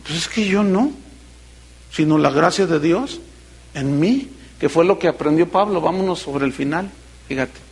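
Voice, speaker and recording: A man's voice: on the high side, unhurried, gravelly. A middle-aged Mexican man preaching a sermon as pastor, telling folksy, personal stories with teasing, earnest remarks. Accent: Mexican Spanish.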